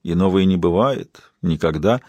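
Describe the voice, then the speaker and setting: A man with a fairly low voice reads an audiobook aloud as its narrator. His storytelling is steady and even. The close studio mic gives a very dry, dead sound. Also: moderate pace, no echo. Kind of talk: scripted narration.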